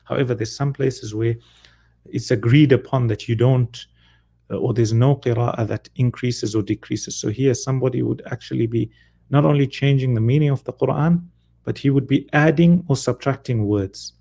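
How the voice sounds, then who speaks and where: Man, Quran reading teacher, patient step-by-step explanations, gravelly, dark tone. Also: mid-range voice, moderate pace. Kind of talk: one-on-one lesson.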